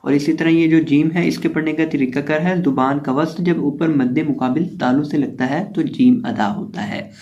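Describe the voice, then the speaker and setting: A man teaching Quran reading. He spells out each letter, draws syllables out slowly, and explains patiently with lots of repetition. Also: on the high side, steady tone, a little mellow, lo-fi sound. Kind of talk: step-by-step recitation lesson.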